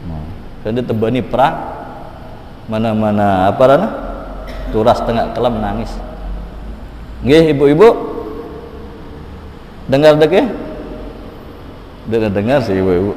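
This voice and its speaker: A man giving an emotive sermon, swinging between loud exhortation and hushed pleading. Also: fairly low pitch, lively intonation, a little slow, pauses often, slight background noise. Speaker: preacher. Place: mosque hall. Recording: roomy echoing hall, faint ambience.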